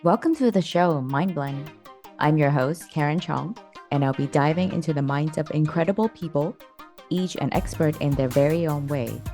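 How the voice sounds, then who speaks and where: Woman, podcast host, low voice, friendly, dry close mic, faint music behind. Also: moderate pace, warm tone. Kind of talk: scripted intro, then interview chat.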